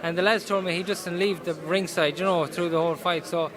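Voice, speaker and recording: A man's voice: high voice, fairly even intonation, brisk, crowd noise. A man with a west of Ireland Mayo accent answering interview questions casually as a boxer, earnest and often repeating his phrases. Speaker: professional boxer being interviewed. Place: indoors in a boxing gym. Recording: busy gym noise behind voice.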